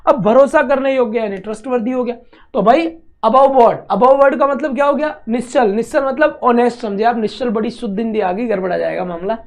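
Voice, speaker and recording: A man teaching a vocabulary lesson, asking and answering his own questions and scolding students teasingly. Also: very high voice. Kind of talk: classroom-style vocabulary lesson.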